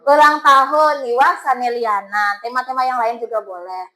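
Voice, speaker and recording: A woman's voice: on the high side, steady tone, normal speed, sharp tone, poor audio. A woman teacher with a Balinese accent, coaxing her students with questions as she teaches a class.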